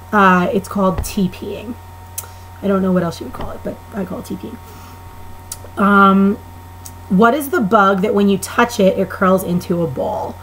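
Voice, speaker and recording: A woman in her twenties with a Long Island New York accent, now living in the Midwest, chats casually and with strong opinions in her vlog, saying "um" a lot. Her voice is medium in pitch, and the poor audio carries slight background noise.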